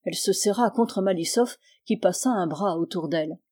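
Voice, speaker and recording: A woman narrates a classic novel with calm, measured pacing. Her voice is mellow and dark-toned, at a middle pitch. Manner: even, measured storytelling. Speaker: audiobook reader. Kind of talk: scripted narration.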